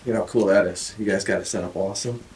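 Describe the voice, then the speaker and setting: A man's voice: lowish voice, steady tone, fast talker, darkish tone, a little hiss or hum. A man speaking as a visiting video host, chatting in an informal, folksy conversational way. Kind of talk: casual conversational vlog.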